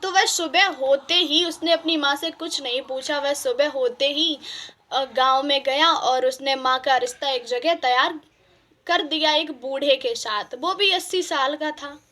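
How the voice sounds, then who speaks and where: A woman's voice: high voice, measured pace, pushed and bright. A woman telling a folk tale in simple, repetitive storytelling with frequent fillers. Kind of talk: oral folk tale narration.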